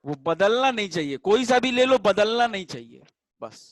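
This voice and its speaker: A man teaching a chemistry class with a fairly high voice. He is patient, often stops to ask whether the students follow, and stretches English terms out slowly. The sound is close and dry, with no room echo. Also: expressive. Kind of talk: classroom lecture.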